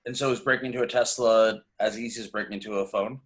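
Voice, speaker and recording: A man hosting a casual interview, eager and halting, with lots of fillers as he asks questions. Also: fairly low pitch, steady tone. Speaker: interviewer, host.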